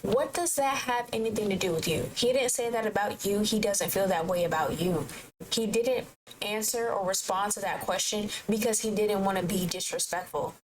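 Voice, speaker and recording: A woman's voice: medium pitch, moderate pace, a crowd in the background, poor audio. Chatty woman reacting, opinionated. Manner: chatty, opinionated, talks back at the screen. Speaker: reaction video host. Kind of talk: casual reaction commentary.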